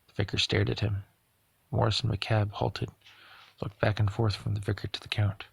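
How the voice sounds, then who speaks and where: Gravelly-voiced man reading a novel aloud. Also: lowish voice, normal speed, dry recording. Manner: steady reading with occasional stumbles and self-corrections. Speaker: audiobook reader. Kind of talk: audiobook narration.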